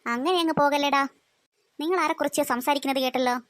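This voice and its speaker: A woman playing a cheeky cartoon schoolboy who needles the others and answers every question with a sly question of his own. His voice is quick and pushed lower than the other kids'. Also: fairly even intonation, a bit bright, a little hiss or hum. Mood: taunting. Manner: taunting, sly. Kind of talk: cartoon voice acting.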